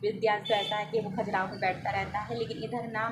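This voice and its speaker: A woman vlogger chats easily through her day, loose and unhurried, with many little filler words. Her voice sits at an ordinary middle pitch. Street and vehicle noise runs clearly behind the recording. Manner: chatty, relaxed storytelling with frequent filler "ना". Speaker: family vlogger, housewife. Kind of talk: casual vlog narration.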